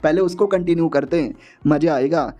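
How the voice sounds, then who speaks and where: A man voicing an easygoing young husband in a comic-story recap, relaxed and friendly. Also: a little high, a little fast, lo-fi sound, soft background music, natural voice.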